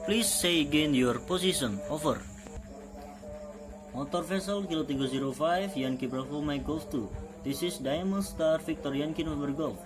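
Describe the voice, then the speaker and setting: A man's voice: on the high side, moderate pace, music in the background, close to an everyday voice, poor audio. A man playing a ship's officer in a marine radio demonstration, with formal, clipped call-sign phrases. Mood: formal, procedural.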